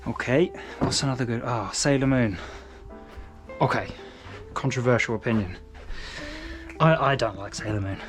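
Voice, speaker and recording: A young English man chatting casually at home as he organises his manga shelves, relaxed and rambling with frequent restarts. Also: medium pitch, normal speed, long pauses, over music. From England. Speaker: manga collector vlogger. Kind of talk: casual chat.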